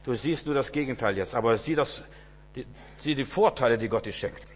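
A man preaching a sermon to his congregation, swinging between loud emphatic cries and low hushed asides, repeating words for emphasis. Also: fairly quick, long reverb tail.

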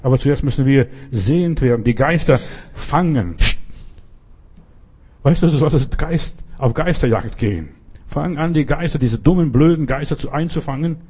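A man delivers an urgent sermon in a dark, mellow voice. He speaks straight to the listener and hammers the same points over and over. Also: mid-range voice, expressive, normal speed, husky. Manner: exhorting, repetitive, addresses listener directly. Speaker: preacher.

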